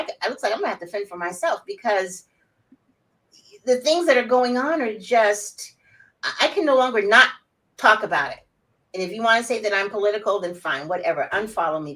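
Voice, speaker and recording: An outspoken woman in her sixties talks animatedly as an interview guest. Her voice sits at a middle pitch and sounds a little distant from the mic. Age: 60s. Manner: animated, outspoken, laughs often. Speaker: guest, wellness summit organizer. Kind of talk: casual interview chat.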